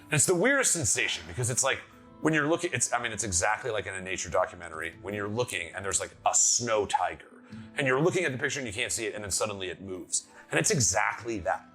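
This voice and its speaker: Animated, bright-voiced man running a tabletop game. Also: fairly low pitch, quick pace, soft background music. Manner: animated, conversational, frequent "like". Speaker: game master. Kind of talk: casual improvised tabletop game narration.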